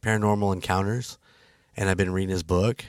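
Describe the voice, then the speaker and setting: A man's voice: low-pitched, fairly even intonation, brisk, clear, resonant tone, dry recording. A man chatting casually as a podcast co-host in a studio. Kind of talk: casual chat.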